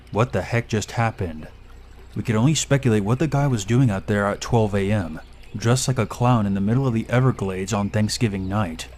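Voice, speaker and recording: A man reading a first-person horror story aloud in a steady, measured way. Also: on the low side, slight background noise. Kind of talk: scripted horror story narration.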